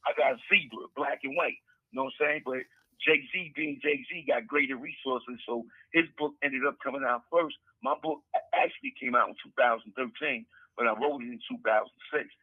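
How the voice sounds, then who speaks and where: Husky man on a prison phone. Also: mid-range voice, expressive, normal speed, no room sound. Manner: rambling, repeats words, street slang. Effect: on a prison phone call. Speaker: interview guest, author. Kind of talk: casual storytelling interview. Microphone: prison telephone handset. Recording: tinny prison phone line.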